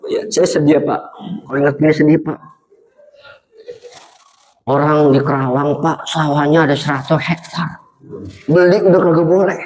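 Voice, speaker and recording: A man preaching a dawn sermon, joking with the congregation and swinging between excited high tones and sad low ones. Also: normal speed, long pauses, low-quality recording. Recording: live crowd heard around the voice. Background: crowd.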